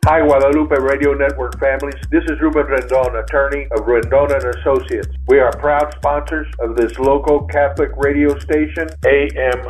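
A man's voice: mid-range voice, steady tone, moderate pace, hardly any pauses, soft background music, low-quality recording. A man reading a radio sponsor ad in a plain, earnest manner. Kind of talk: radio ad read.

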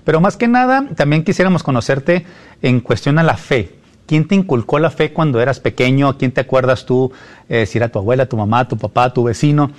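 A man's voice: mid-range voice, fairly quick. A man interviewing a guest in a friendly, chatty way, asking about faith and career. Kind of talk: conversational interview.

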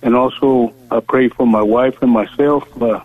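A man in his seventies calling into a radio show with a prayer request, speaking in an earnest, halting way. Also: mid-range voice, fairly even intonation, no room sound. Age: 70s. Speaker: caller. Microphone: phone. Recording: tinny dry phone line.

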